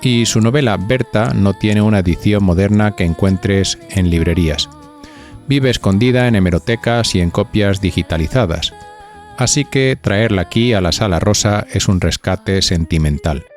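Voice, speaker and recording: A gossip podcast is hosted by a man with a fairly low voice and a Spanish accent, speaking at normal speed. He reads his script in a chatty, playful way and confides directly in the audience. Light music plays underneath.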